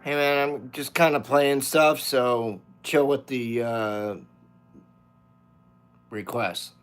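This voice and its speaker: A man's voice: mid-range voice, steady tone, takes it slowly, over music. A man in his fifties live-streaming as a musician, chatting casually with viewers, greeting them by name and swearing freely. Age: 50s.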